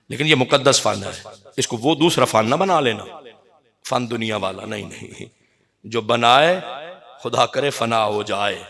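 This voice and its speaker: A middle-aged man delivering an impassioned sermon, moving between soft, slow Quranic recitation and shouted, sung declamation. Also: lowish voice, creaky. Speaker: cleric giving a religious address. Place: gathering at a congregational religious hall.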